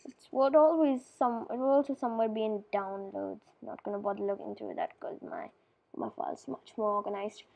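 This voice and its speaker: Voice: medium pitch, fairly even intonation, moderate pace, vocal fry, a little mellow, lo-fi sound. A person giving casual, rambling commentary over a game tutorial, often dropping into mumbles and whispers and correcting themselves. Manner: loose and chatty, with many fillers and self-corrections. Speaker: gameplay tutorial maker.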